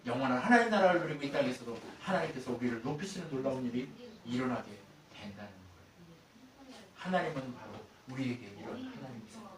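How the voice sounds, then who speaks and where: A male pastor preaching a sermon, animated, asking the congregation rhetorical questions again and again. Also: medium pitch, brisk, roomy sound, distant mic, a crowd in the background. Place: church sanctuary.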